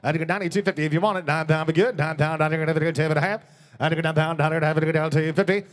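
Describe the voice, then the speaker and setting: A man calls a live auction at a very quick pace in a slightly high voice. His chant loops short filler phrases and numbers over and over. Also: fairly even intonation. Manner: rapid-fire repeated filler phrases and numbers.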